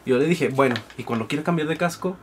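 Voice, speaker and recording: A Mexican man with a fairly high voice rambles through a casual gear chat, stopping often on fillers. There is a faint hiss behind him. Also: fast. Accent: Mexican Spanish. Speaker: podcast co-host.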